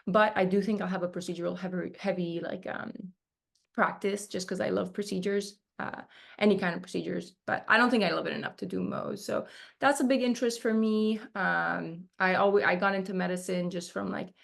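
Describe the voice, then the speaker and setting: A woman's voice: medium pitch, fairly even intonation, normal speed, gravelly. A woman in her twenties from Argentina, a resident talking casually in an interview with lots of fillers. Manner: conversational, many fillers. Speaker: dermatology resident guest.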